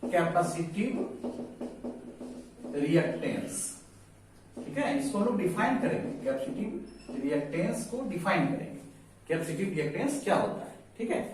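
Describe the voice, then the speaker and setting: A man's voice: sits high, a little mellow, a little hiss or hum. A man teaching physics, repeating key terms and quizzing his students. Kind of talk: whiteboard lecture. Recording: echoey room, voice from far off.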